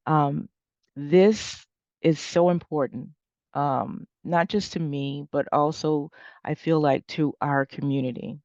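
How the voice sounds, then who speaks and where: A woman's voice: sits low, slow pace, darkish tone, no room sound, muffled recording. A woman hosting an interview and asking questions in a hesitant way, with many fillers. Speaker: interview host.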